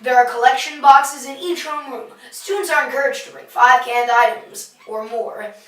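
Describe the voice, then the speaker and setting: A woman's voice: high voice, moderate pace, fairly bright tone. A young female student reading scripted school announcements in the manner of an intercom broadcast. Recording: echoey, distant school intercom sound, music behind.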